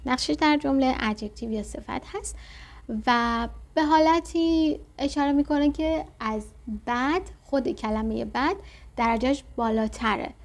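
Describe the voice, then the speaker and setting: High-voiced female teacher, patient vocabulary lesson, slow careful reading of examples. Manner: reads English examples slowly, then explains them. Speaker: English teacher.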